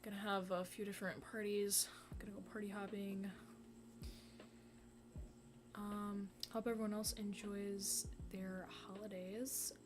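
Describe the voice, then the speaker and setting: A woman streaming while she draws, chatting casually and murmuring soft asides to herself. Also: medium pitch, level tone, measured pace. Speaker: art streamer.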